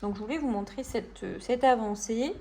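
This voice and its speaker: A woman from France talks easily to her audience while she works on a coloring page at home. Her delivery is relaxed and rambling, with plenty of fillers and soft asides to herself. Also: fairly high pitch, moderate pace, a little hiss or hum. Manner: chatty, relaxed, many fillers and soft self-talk. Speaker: coloring channel host. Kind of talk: casual chat while coloring.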